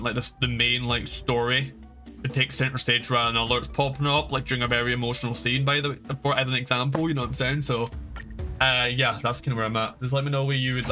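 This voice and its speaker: Over game music, this man streams and comments on his game casually, rambling and informal but emphatic. He speaks at a medium pitch with a sharp tone.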